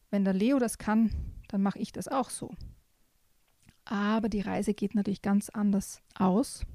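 A woman reads a children's tale aloud, calm and measured. Her voice is mellow and slightly gravelly, recorded dry and close with no room sound. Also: mid-range voice, dry recording. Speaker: podcast guest reading a children's book. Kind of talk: reading a storybook aloud.

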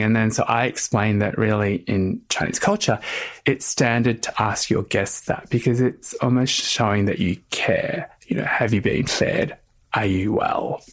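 A man thoughtfully explaining an idea with personal examples and the occasional restart. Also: medium pitch. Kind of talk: reflective explanation.

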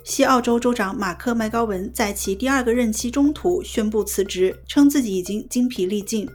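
A woman news presenter delivers a breaking news bulletin in a fairly high voice. She reads from a script, with music playing behind her. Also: brisk. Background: background music.

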